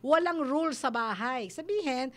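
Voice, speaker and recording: A woman's voice: sits high, animated, normal speed, fairly bright tone. A middle-aged Filipino woman hosting a radio advice show, mixing Tagalog and English and acting out the voices she quotes. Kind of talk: parenting advice talk on radio.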